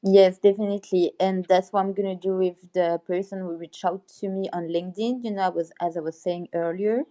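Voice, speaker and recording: A woman speaking as a guest in a low, level voice. Her tone is mellow, and she sounds upbeat and enthusiastic throughout the casual conversation. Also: steady tone, fairly quick. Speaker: guest, art curator. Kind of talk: casual chat.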